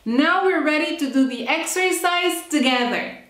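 A woman teaching English phrases in a bilingual lesson, modeling each line clearly for the listener to repeat. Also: high voice, lively intonation, slow pace, fairly bright tone, reverberant.

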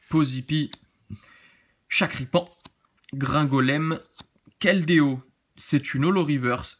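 A man with a southern French accent talks casually through a card opening, sounding a little tired. He rambles along in a chatty flow, his voice sitting at an ordinary middle pitch for a man. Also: a bit bright. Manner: chatty and rambling, with frequent filler tags.

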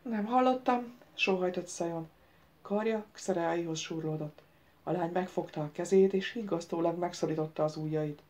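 Lady reading a fantasy audiobook, steady calm narration. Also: lowish voice. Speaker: audiobook reader. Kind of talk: scripted narration.

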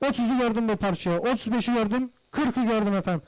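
Working as a livestock auctioneer, a man chants bids live, repeating phrases and speaking to guests in a formal, courteous way. His voice is very high-pitched and fast, and the recording is low quality.

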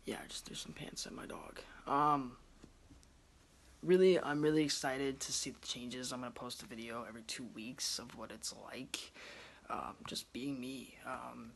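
Speaking at a moderate pace in a gravelly, medium-pitched voice, a male vlogger in his twenties rambles casually into his phone camera up close. He's in a small room at home and fills his talk with ums. There's slight background noise.

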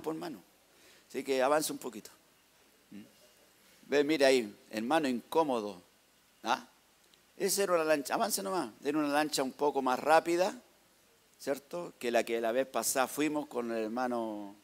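A man with a Chilean accent giving a lively church testimony, narrating slides and often calling out to the congregation. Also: fairly high pitch. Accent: Chilean Spanish. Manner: lively storytelling, tags "hermano" and "¿ah?".

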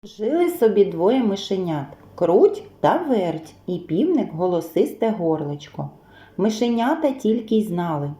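A kindergarten teacher reading a folk tale aloud to children, slow, gentle and expressive. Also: female voice, medium pitch. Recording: roomy echo.

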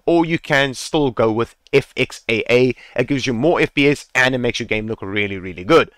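A man talks through a screen-recorded tutorial in a relaxed, chatty way, repeating his tips and dropping casual swears. His voice sits at an ordinary mid pitch. It comes through a headset mic with a dry, close sound. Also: normal speed, dry recording. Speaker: gaming tutorial creator.

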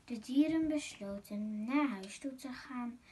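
A woman with a husky, mellow voice reads a rhyming picture book for children. She follows the rhythm of the verses in a gentle, sing-song way, pitched a little above the middle. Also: unhurried. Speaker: masked guest reader.

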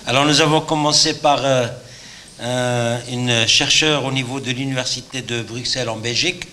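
A man's voice: mid-range voice, steady tone, normal speed, bright, forceful tone. A middle-aged man moderating a conference session, formally introducing speakers. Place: large conference auditorium. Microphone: podium microphone. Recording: faint noise in auditorium.

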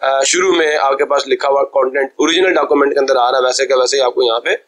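A young computer teacher from Pakistan leads a screen-recorded software tutorial, explaining step by step in Hindi-Urdu sprinkled with English terms. He speaks fast with a medium-pitched, steady voice, politely and deferentially checking that viewers are following.

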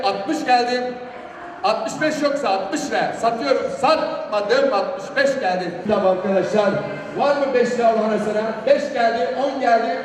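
A man working as an auctioneer, calling out rising bids in a repetitive chant of numbers. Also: extremely high pitch. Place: large reverberant indoor public space. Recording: echoey hall, distant mic, noisy background.

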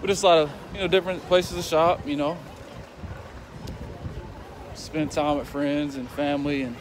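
A young man walks through town, filming himself on a phone at arm's length, his voice sitting a little high for a man. He talks in a relaxed, thankful, easygoing way. Street noise and traffic hum loudly behind him. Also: normal speed. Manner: relaxed, grateful, talks while walking outdoors. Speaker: football player vlogger. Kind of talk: casual walking vlog. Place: outdoor city streets and square. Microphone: phone camera held at arm's length.

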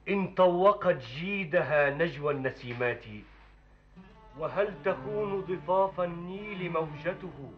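An actor playing an earnest young village man with an Egyptian accent who writes poetry and recites his verse grandly. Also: sits high. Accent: Egyptian Arabic. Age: young adult. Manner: declaims verse slowly and grandly. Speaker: village student and aspiring poet. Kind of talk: TV drama acting. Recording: dull lo-fi TV soundtrack with music.

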